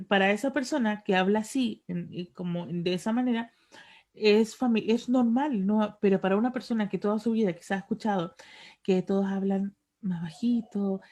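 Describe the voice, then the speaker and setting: A woman co-hosting a webinar on the speaking voice, talking in a relaxed, animated way and acting out short everyday exchanges, over a video call. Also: mid-range voice. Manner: animated, acts out little quoted exchanges. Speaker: voice artist and webinar co-host.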